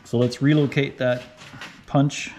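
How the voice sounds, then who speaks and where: A man casually narrating his car fabrication work as he goes, thinking out loud and often checking in with "right?". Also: mid-range voice, little pitch movement, a little slow, soft background music. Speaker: car restoration vlogger. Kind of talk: casual how-to narration while working.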